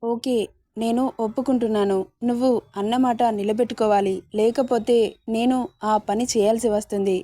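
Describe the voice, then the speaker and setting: A woman's voice: on the high side, fairly even intonation, moderate pace, dark tone, no echo, studio quality, natural voice. A woman voicing a teasing, playful young husband, bossy and mischievous, in a romance story reading.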